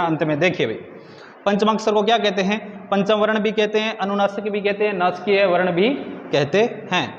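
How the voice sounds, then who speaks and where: A man's voice: sits high, roomy sound, long reverb tail, highs cut off, a little hiss or hum. A man teaching Hindi grammar for exam prep, asking his own questions and answering them himself.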